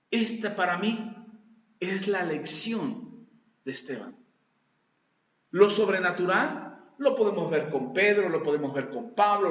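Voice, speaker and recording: A man preaching a sermon in an earnest way, swinging between soft and loud, calling his listeners brother. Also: high-pitched. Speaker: pastor. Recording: echoey hall, dull lo-fi sound.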